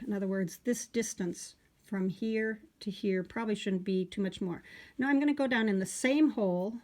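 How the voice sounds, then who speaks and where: A woman teaching wool appliqué stitching step by step, talking in a relaxed, folksy way with many fillers and homey expressions. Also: mid-range voice. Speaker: sewing instructor. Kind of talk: hands-on craft tutorial.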